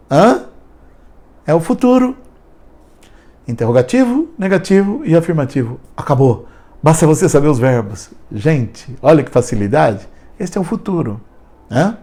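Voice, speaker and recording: A Brazilian man, a native Portuguese speaker, teaching an English lesson online in a lively way, slowly repeating example phrases. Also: mid-range voice. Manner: animated, drills slow example phrases, laughs while teaching.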